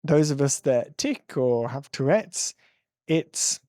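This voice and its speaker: A man's voice: mid-range voice, animated, slow pace, warm tone, no room sound, studio quality. A male tic coach giving an earnest, rambling talk with frequent laughs. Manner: earnest, ranting, breaks into laughs. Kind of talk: casual monologue commentary.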